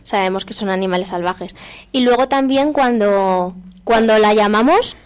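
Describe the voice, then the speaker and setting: A woman's voice: medium pitch, normal speed. A woman hosting a local radio program, chatting casually and prompting her co-hosts with questions. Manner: prompting, asks guests questions. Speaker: radio host.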